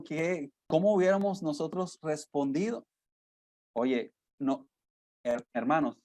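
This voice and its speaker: A man's voice: a little high, a little mellow, no echo. Earnest male preacher, dry sound. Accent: Mexican Spanish. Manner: earnest, addresses listeners as brothers, asks rhetorical questions. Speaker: missionary preacher. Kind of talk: sermon to a men's group.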